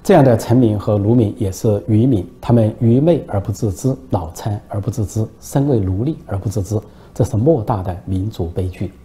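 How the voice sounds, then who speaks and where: A man's voice: lowish voice, moderate pace, mellow. A man giving a political commentary monologue in a scornful, denouncing manner. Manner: scornful, denunciatory.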